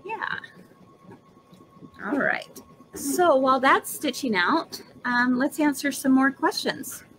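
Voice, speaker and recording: A woman speaks slowly in a high, expressive, fairly bright voice, with slight background noise and poor audio quality. She hosts a live embroidery demonstration and sales show, chatting casually and enthusiastically like a home shopping host and checking in with her viewers.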